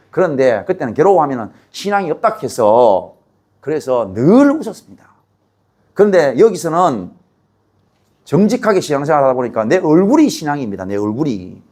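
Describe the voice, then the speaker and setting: A man preaching a sermon in a Gyeongsang Korean accent, swinging between loud outbursts and quiet, low passages. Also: breathy edge. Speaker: pastor. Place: church sanctuary.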